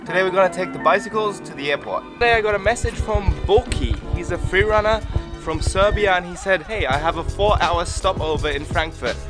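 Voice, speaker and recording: A playful young man in his twenties vlogs to a camera held at arm's length outdoors. His voice sits a little high for a man, and music plays behind him. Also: fairly quick. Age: 20s. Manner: upbeat, playful, joking. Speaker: parkour vlogger. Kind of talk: casual vlog talk to camera. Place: outdoors on city streets. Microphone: handheld camera at arm's length. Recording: outdoor vlog with music over it. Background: background music.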